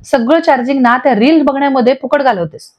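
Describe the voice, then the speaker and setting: A woman's voice: sits high, quick pace, a little mellow. A woman voicing a husband who soothes his wife and explains things firmly. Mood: reassuring. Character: reassuring husband, man. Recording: dull lo-fi audio.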